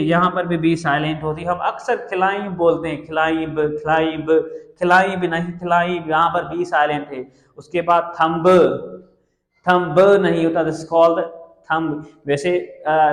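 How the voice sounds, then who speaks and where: Man teaching in an echoey room. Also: fairly high pitch. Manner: repeats words slowly, spelling letters aloud. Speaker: English teacher. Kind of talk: classroom lecture. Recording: echoey room with long reverb.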